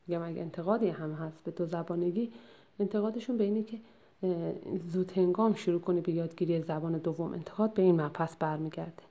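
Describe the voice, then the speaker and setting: A woman summarizes a textbook chapter in a lecture, explaining at a measured pace and frequently hesitating or correcting herself. Her voice is fairly low, steady, and dark.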